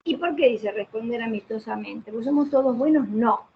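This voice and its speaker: A woman's voice: a little high, normal speed. A woman giving a didactic online lecture on voice care, posing rhetorical questions and answering them herself. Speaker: voice specialist lecturing. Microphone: computer mic on a video call. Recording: muffled video-call audio with faint hiss.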